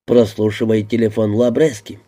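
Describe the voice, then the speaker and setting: A laconic male detective, giving clipped and offhand answers, as the narrator reads him. The voice is low and dark. It sounds matter-of-fact and unbothered. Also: flat delivery, moderate pace, lightly acted. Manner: short, offhand replies. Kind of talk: audiobook character reading.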